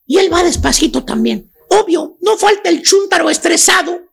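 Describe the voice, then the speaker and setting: A Mexican woman telling comic stories on a radio show, rowdy and slangy, often laughing and shouting. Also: extremely high pitch, expressive, normal speed, vocal fry. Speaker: radio comedy host.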